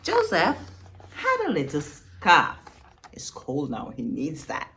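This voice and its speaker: In a low-pitched voice, a woman reads a picture book to young children with teacherly expression, stopping for emphasis and putting questions to her listeners.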